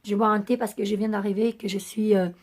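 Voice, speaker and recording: A woman vlogger with a raspy voice that is going hoarse, chatting to camera in a rambling way with many hesitations. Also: mid-range voice, little pitch movement, fast talker. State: losing her voice. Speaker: beauty vlogger. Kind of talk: casual chat to camera.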